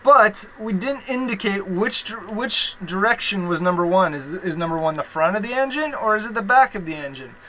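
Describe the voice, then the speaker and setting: A man's voice: high-pitched, animated, moderate pace, few pauses, crowd noise, poor audio. A man casually narrating how he rebuilds a boat engine, chatty and self-deprecating, working in a cramped engine bay below deck.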